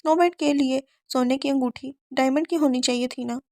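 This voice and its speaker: A sulky, stubborn young bride with a childish, whiny way of complaining, as a woman reads her in a storybook. The voice is high and the sound dry and close. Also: fairly even intonation, darkish tone, no room sound. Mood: sulky whining.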